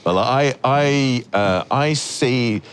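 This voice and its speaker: A man's voice: mid-range voice, very slow, slight background noise. A man co-hosting a casual car podcast, asking questions and teasing his co-host. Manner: inquisitive, teasing, lively. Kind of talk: casual chat about cars.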